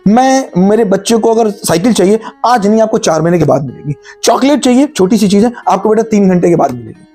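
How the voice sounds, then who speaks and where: A man's voice: sits high, expressive, brisk, dark tone. A man giving a spiritual talk, asking rhetorical questions and answering them himself while speaking straight to the listener. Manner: addresses listener directly, earnest. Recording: faint music behind. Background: faint guitar music.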